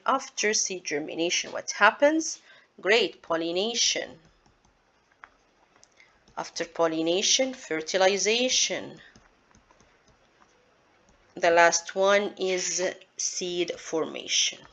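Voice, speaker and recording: A woman explains exam questions at a very slow, deliberate pace. Her voice sits a little low. She teaches step by step and poses questions to her listeners before answering them herself. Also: bright, forceful tone. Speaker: science teacher. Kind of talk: exam walkthrough lesson.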